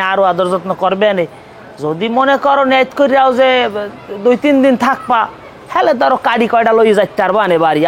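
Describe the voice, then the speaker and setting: A man's voice: sits high, slight background noise. A man playing a teasing village uncle. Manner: teasing, drawling, folksy. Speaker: uncle of the son-in-law.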